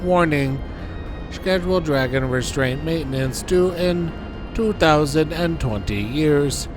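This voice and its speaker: A man putting on a robot voice for a dutiful male control terminal, speaking in clipped monotone announcements. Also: on the high side, takes it slowly, music in the background. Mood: robotic. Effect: robot voice done by mouth, no filter. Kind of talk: voicing game dialogue while playing.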